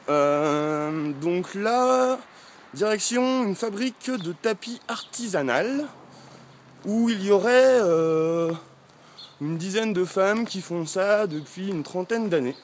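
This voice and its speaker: Man from France vlogging on foot outdoors: slightly high, hesitant, rambling delivery to a handheld camera, with faint street noise. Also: lively intonation, slow. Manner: chatty, rambling with frequent hesitations; talking while walking. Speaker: travel vlogger. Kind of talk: casual chat to camera.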